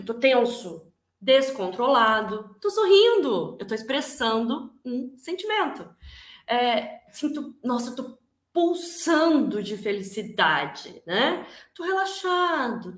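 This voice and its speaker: Animated Brazilian woman lecturing class. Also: a little high. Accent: Brazilian Portuguese. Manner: animated, asks the class rhetorical questions. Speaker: teacher giving an online class. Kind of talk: lively spoken lecture. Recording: echoey room.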